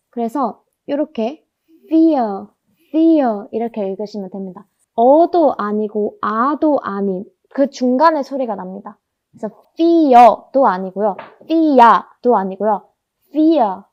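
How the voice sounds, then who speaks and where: A woman teaching German pronunciation, explaining patiently and drilling each word slowly through repetition. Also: on the high side, lo-fi sound. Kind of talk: explanatory language lesson.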